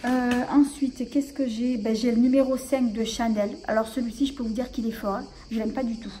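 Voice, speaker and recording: A woman's voice: on the high side, fairly even intonation, brisk, background noise. A woman vlogger chatting casually about her collection, hesitant and full of fillers and restarts. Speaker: beauty vlogger. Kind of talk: casual show-and-tell vlog.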